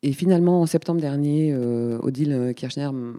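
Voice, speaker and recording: A woman in her fifties from Paris, talking as a guest in a casual radio interview, chatty and pausing often with fillers. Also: extremely low pitch, mellow, big-room sound, slight background noise. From Paris, France. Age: 50s. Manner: chatty, hesitant with many fillers. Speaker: guest, community space coordinator.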